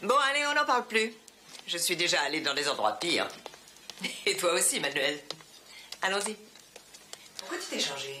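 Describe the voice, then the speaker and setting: An actress playing a worldly, haughty, sharp-tongued middle-aged mother in dubbed film dialogue. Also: lowish voice, big pitch swings, normal speed, long pauses. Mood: breezy, resolute. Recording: film soundtrack with clear background noise.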